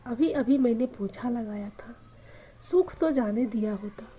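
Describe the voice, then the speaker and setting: A woman voicing an impatient, sharp-tongued young daughter-in-law who scolds curtly. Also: fairly high pitch, unhurried, husky. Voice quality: scolding, curt.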